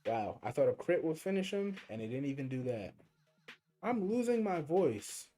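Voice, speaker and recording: Faint game music runs beneath this young gaming streamer's casual commentary on a mobile game. His voice is on the high side and mellow, with big pitch swings at a moderate pace, and he rambles in slang while thinking aloud.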